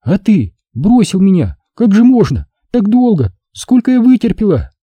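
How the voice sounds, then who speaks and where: A man's voice: sits high, wildly swooping pitch, moderate pace, mellow, breathy edge, no room sound, muffled recording, pitched above the performer's own voice, exaggerated voice. A man voicing a tearful, eager young woman. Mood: pleading. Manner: breathless, emotional exclamations. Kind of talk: audiobook reading.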